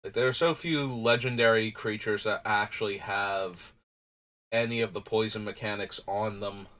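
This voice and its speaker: A man with a lowish, steady, somewhat bright voice livestreams while building a card game deck, speaking at normal speed. A runny nose makes him sound nasal and stuffy as he thinks aloud in a rambling, casual way.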